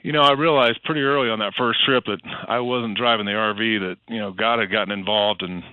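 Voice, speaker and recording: A man's voice: lowish voice, fairly even intonation, fast, clean tone, dry recording, phone-quality sound. A man from Colorado telling his story in an interview, earnest and full of "you know" fillers. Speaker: interview guest, RV donor. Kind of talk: conversational storytelling.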